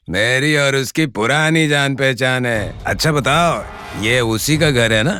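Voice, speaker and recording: A man's voice: mid-range voice, slow pace, bright, forceful tone, faint music behind. An actor playing a desperate, pushy man who keeps pleading to see a woman. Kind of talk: Hindi TV serial acting.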